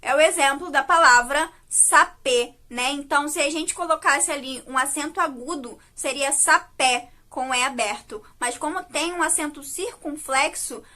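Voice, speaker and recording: A woman's voice: sits high, normal speed, hardly any pauses, bright, forceful tone. A Brazilian Portuguese-speaking woman teacher giving a recorded video lesson, explaining patiently and checking in with frequent tag questions.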